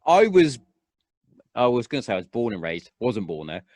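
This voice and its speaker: A man's voice: mid-range voice, very animated, moderate pace, a little mellow, dry recording, clean studio sound. A young man with an English accent hosting a casual podcast chat, rambling, restarting and swearing freely. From England. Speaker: podcast host.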